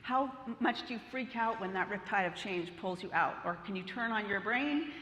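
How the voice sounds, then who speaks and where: A middle-aged woman giving a lively keynote talk to an audience, telling playful stories and asking the crowd questions. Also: mid-range voice, normal speed, a little hiss or hum. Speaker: keynote speaker. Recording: roomy hall reverb.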